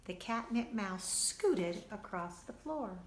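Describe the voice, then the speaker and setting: A woman teacher reading a storybook aloud to children, expressive and speaking to them directly. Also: mid-range voice, takes it slowly, roomy sound, a little hiss or hum.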